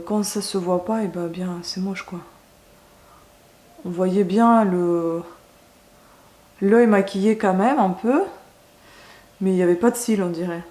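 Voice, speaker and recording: A beauty vlogger chats casually to camera while doing her makeup, frequently hesitating and correcting herself. Her voice is on the low side with a dark tone, and the recording has roomy echo and faint background noise.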